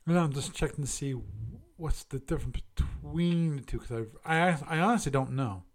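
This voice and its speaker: A man's voice: a little high, moderate pace. A man hosting a casual solo show, musing aloud and correcting himself as he reviews and chats. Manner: musing, self-correcting, chatty. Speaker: podcast host.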